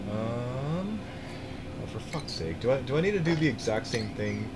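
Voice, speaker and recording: A young American man chats casually while gaming on a live stream, rambling, swearing, and restarting his sentences. His mid-range voice has lively intonation and a moderate pace. There's background noise.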